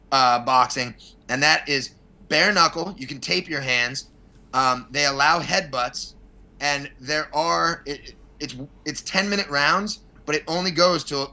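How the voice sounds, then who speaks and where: A fight promoter appears as a podcast guest, rambling casually through blunt, opinionated answers with a bit of mild swearing. His voice is a little high, gravelly and bright, with a forceful tone and an unhurried pace. The recording quality is low.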